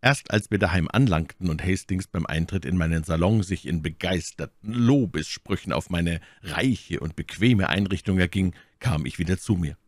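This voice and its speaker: Deep-voiced male audiobook reader. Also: no echo, clean studio sound. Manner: measured, expressive reading. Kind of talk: scripted audiobook narration.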